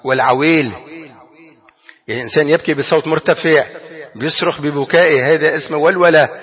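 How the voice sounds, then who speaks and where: A man with a Levantine Arabic accent giving a religious lesson, explaining a text with animated rhetorical questions. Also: a little high, fast talker, in a large hall, muffled recording. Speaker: religious teacher.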